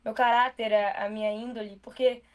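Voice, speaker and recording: Fast-talking young Brazilian woman. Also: fairly high pitch, level tone. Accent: Brazilian Portuguese. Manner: fast, casual talker with many fillers. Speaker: journalist guest. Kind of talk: casual interview chat.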